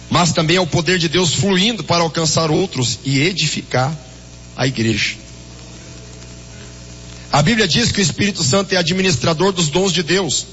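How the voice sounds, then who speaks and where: Brazilian pastor preaching hard, high bright voice, low hum behind. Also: male voice, in a large hall, lo-fi sound. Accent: Brazilian Portuguese. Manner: preaching with fervent exclamations, tells a story with quoted dialogue. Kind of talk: sermon.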